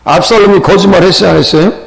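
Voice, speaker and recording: A man's voice: high voice, fairly even intonation, racing, vocal fry. A middle-aged male pastor with a Chungcheong accent, preaching conversationally and asking his listeners questions. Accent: Chungcheong Korean. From Chungcheong, Korea. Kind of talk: sermon.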